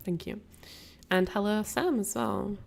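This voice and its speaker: Her voice is medium in pitch, unhurried, and creaky as this livestream host chats to viewers. Sick with a cold, she sniffles and coughs, rambling casually and apologizing.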